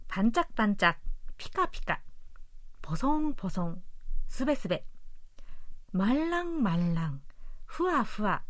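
A woman's voice: medium pitch, no echo. A woman radio host explaining words in a friendly, patient way, with light laughs, speaking into a studio microphone.

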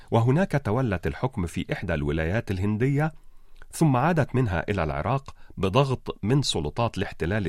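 Male, documentary narrator, lowish voice, very varied melody, formal scripted reading, dry close sound. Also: no echo. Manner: formal, enunciated reading of Standard Arabic. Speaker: radio programme host.

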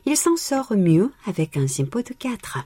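A woman's voice: medium pitch, sing-song, measured pace, dark tone, husky, no room sound. A woman hosting a radio programme, reading out scripted listener reports and letters. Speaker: radio host.

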